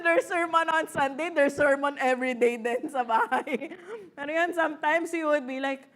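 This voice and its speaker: An adult woman with a Filipino accent, a parent, preaches an earnest Taglish sermon in church, blending English and Tagalog and using fillers. Her voice is high-pitched and a bit bright.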